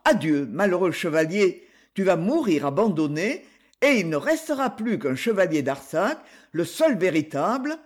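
A sneering, boastful villain gloats from a fairly high, lively voice, as a male reader puts him on. He mocks his trapped rival with theatrical swagger, a master of disguise in an old adventure tale. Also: full character voice. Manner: mocking, boastful.

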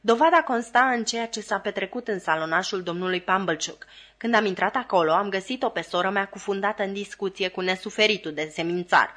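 A woman narrating a classic novel as an audiobook reader, measured and expressive. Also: medium pitch.

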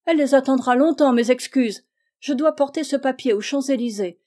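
A spoiled, insolent little girl speaks pertly and quickly, her voice pitched high and raised in defiance, as a woman acts her out. The tone stays mellow under the lift. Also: close to an everyday voice. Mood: scornful.

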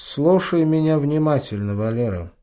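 A man's voice: fairly high pitch, expressive, moderate pace, dark tone, voice pushed up, lightly acted. A man voicing a stern old village healer woman, a grandmother who talks in fussy, commanding folk speech.

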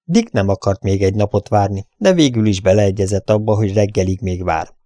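A man narrating an adventure novel as an audiobook, in a steady storytelling manner with dramatic lifts. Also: fairly low pitch, no echo, clean studio sound.

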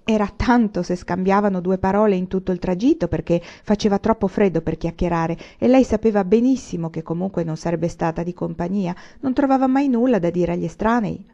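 A woman reads a storybook aloud in a steady, expressive way. Her voice is mellow and warm, in the middle of the range. The recording is dull and lo-fi. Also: medium pitch, brisk, few pauses. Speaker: audiobook reader. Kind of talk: read-aloud storybook narration.

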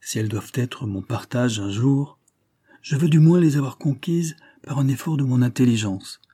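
A man's voice: medium pitch, animated, moderate pace, warm tone, husky, pitched above the performer's own voice. A man reading the part of an earnest, principled young man. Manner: earnest, conscientious.

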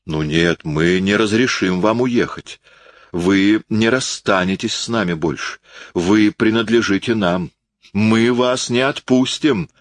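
A man's voice: lowish voice, slow pace, no room sound, pitched above the performer's own voice. A man reading an audiobook, voicing an impassioned, insistent young man who speaks in emphatic exclamations.

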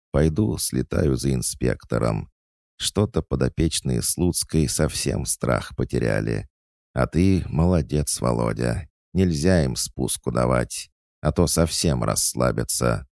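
A man's voice: very deep voice, expressive, unhurried, vocal fry, a little mellow, no echo, clean studio sound, exaggerated voice. Zlova, a man doing a grumbling owl goddess. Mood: weary. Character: grumpy female owl goddess, bossy mentor.

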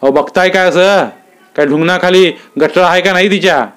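A male storyteller voicing a gruff, abusive middle-aged police inspector who barks and curses at his men. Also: high voice, normal speed, a bit bright, pitched above the performer's own voice. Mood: mocking. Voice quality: barking, cursing.

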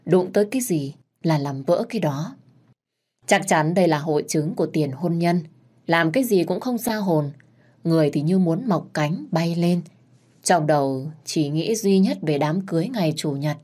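A woman's voice: fairly low pitch, expressive, moderate pace, dark tone. A young woman narrating a first-person story expressively.

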